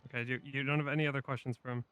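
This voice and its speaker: A man with a clean, resonant voice of average pitch improvises as a judge in a role-play. He talks informally and in a measured way, often stammering as he gets to his point. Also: level tone, fairly bright tone, clean tone.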